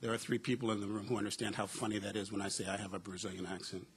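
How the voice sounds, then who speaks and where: Talking very fast with a flat delivery in a lowish voice, this middle-aged U.S. professor shares reflective personal stories on a panel. His humor is wry and he uses frequent "uh" and "um" fillers, with slight background noise present.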